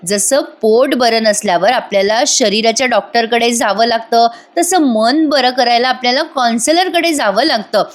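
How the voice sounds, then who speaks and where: Woman reading gentle young wife, soft and coaxing, fairly high voice. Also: normal speed, hardly any pauses, close to an everyday voice. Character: gentle caring young wife, calm reasoner.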